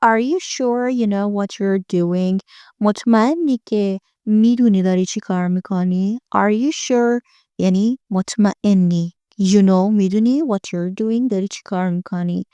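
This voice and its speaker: A woman teaching English from film lines, repeating each line slowly in an American accent and then explaining it. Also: medium pitch, warm tone, clean tone, no echo.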